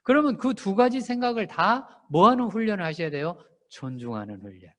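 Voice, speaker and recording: A man preaching a sermon to a congregation, animated, asking them questions and acting out shouted lines. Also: high-pitched, brisk. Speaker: pastor. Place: church sanctuary. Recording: long hall reverb.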